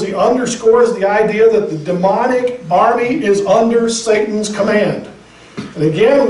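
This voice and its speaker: A man preaching in a mellow, fairly high voice, emphatic one moment and chatty the next. He is heard from a distance in a roomy church hall with audible echo. The delivery is a pastor's sermon. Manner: emphatic, conversational preaching with speculative asides.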